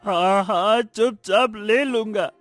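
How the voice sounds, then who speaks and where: A man voicing a gentle, patient younger son in an animated story, speaking softly and respectfully. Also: high voice, slow pace, soft background music. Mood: pleading. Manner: soft, pleading, respectful.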